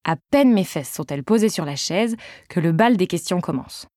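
A woman's voice: fairly low pitch, expressive, moderate pace, mellow, no echo, clean studio sound. A woman narrating a novel in the first person with a wry tone. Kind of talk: audiobook narration.

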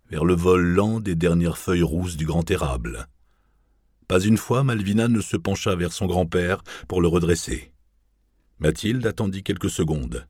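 A man narrating a novel in a measured, even audiobook reading. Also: sits low, slightly rough, no echo, clean studio sound.

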